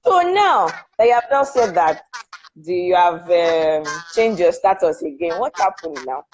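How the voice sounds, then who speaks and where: A woman's voice: on the low side, very animated, a little mellow, poor audio. Chatty Nigerian woman hosting a live chat. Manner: chatty, reads out viewer names slowly. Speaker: host. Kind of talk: casual live-stream interview. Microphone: video call.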